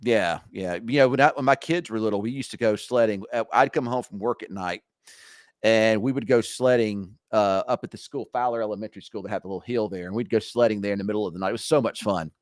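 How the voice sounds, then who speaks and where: Man, low voice, groggy, rambling weather chat, dry sound. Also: fast talker, no echo. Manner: rambling, restarts and fillers, easygoing. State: groggy morning voice. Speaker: weather show host. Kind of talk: casual live weather chat. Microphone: video call screen share.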